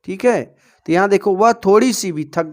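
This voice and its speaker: High-voiced male teacher explaining exam answers. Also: darkish tone. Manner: addresses students as dear children, repeats prompts to pay attention; recites verse slowly and deliberately. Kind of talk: exam-prep lesson for students.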